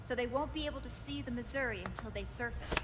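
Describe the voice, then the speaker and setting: Recorded with long hall reverb and music underneath, this scripted video game performance features a woman as a stern officer in command of a mission briefing. She speaks quickly in a slightly high voice close to her everyday one, with background noise present.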